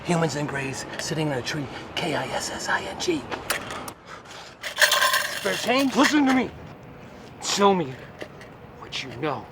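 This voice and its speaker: A man's voice: on the high side, animated, measured pace, long pauses. An actor playing a twitchy, paranoid male vagrant, raving cryptically in repetitive, sing-song mutters. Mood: pleading. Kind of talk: film acting. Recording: noisy location sound.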